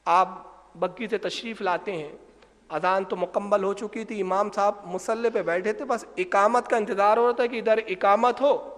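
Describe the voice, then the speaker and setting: A man with a high-pitched voice tells a story as a sermon, animated and given to sudden emphatic bursts. His voice rings through a hall with a long, trailing reverb. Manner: animated, swells to emphatic loud passages. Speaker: preacher.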